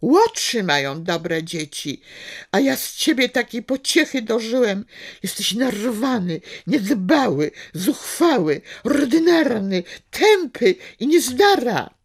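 Brief: self-righteous professor father, lecturing and scolding, slow and drawn out, pitch swooping, as a woman reads him. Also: very animated, full character voice. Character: pompous scolding middle-aged male professor father.

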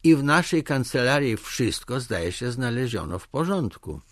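A man's voice: medium pitch, big pitch swings, moderate pace, fairly bright tone, no echo. A man voicing a timid, hard-drinking male village head who answers meekly and apologizes, in a storybook reading. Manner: meek and apologetic.

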